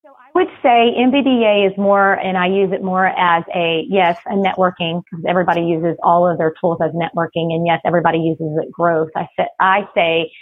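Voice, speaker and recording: A woman from the Philippines, raised in Texas, talking quickly and chattily as an interview guest, laughing often. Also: fairly low pitch, fairly even intonation, no room sound, narrow, tinny audio. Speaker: guest, business services rep. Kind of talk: casual interview.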